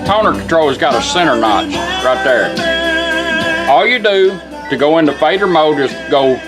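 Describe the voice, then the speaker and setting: In a slightly high, expressive voice at normal speed, a man demonstrates a product hands-on as a radio restorer, plain-spoken and folksy in his teaching. A radio plays music behind him on the rough recording.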